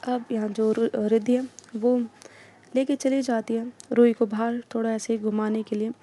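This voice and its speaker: A woman's voice: fairly high pitch, level tone, moderate pace, mellow. A woman narrating an audio story casually, often slipping English filler words into her telling.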